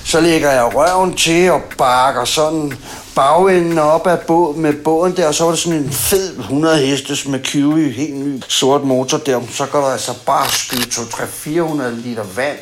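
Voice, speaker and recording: A man's voice: fairly high pitch, fairly even intonation, slight background noise. A man telling a rambling, slangy anecdote in a casual way. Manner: rambling, chatty, with crude slang. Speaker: storyteller.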